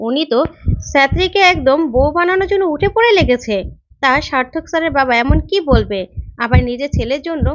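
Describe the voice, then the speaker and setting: A woman's voice: high-pitched, expressive, fairly quick, no room sound. A woman voicing a nosy, suspicious married daughter who asks prying, complaining questions. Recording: dull, lo-fi recording.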